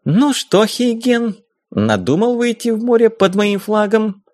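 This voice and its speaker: Man voicing sly young female pirate captain, coquettish, teasing, lively raised voice. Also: high-pitched, unhurried, dry recording, clean studio sound, voice pushed up.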